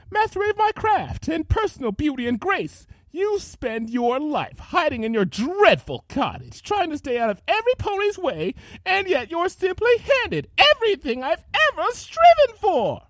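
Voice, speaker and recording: A woman's voice: on the high side, wildly swooping pitch, measured pace, no echo, pitched above the performer's own voice, heavily acted. A woman voicing a cruel, vain female unicorn pony with an affected posh drawl. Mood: furious.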